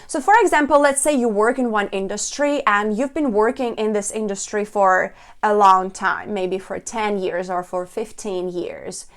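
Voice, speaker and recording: A woman giving an instructional talk as a public speaking coach, deliberate and encouraging, addressing the listener directly. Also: mid-range voice.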